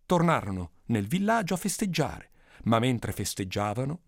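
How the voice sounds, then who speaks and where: A man narrating a folk tale in an expressive storytelling style with dramatic pitch swings. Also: normal speed, gravelly, no room sound, clean studio sound.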